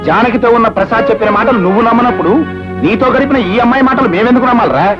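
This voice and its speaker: An actor playing a middle-aged father who forcefully lectures his son about trust. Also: extremely high pitch, very fast. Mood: lecturing. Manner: forceful, moralizing. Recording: dull old film soundtrack with loud music.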